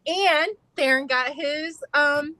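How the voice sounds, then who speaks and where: A woman's voice: high voice, fairly even intonation, slow, sharp tone, poor audio. A middle-aged woman chatting casually on a video call, telling rambling stories full of fillers and restarts. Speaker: quilter sharing her sewing. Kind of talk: casual chat.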